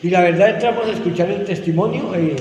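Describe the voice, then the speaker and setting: A man's voice: sits high, fast talker, a little mellow. A middle-aged man giving an earnest, emotional personal testimony, acting out the voices of people in his story. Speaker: testimony speaker at a rehab ministry. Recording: echoey hall with faint background noise.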